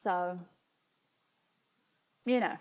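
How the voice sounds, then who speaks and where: Her voice sits fairly low, a little mellow, clear and resonant, and she draws her words out. A New Zealand woman hosting a video, she casually chats and reads her childhood stories with a hesitant, reflective, amused air, on slightly muffled audio.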